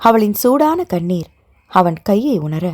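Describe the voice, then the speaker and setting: A woman narrating an audio novel in an expressive storytelling manner with a Tamil accent. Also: mid-range voice, takes it slowly, no echo, clean studio sound. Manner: expressive storytelling, voices dialogue. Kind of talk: scripted narration.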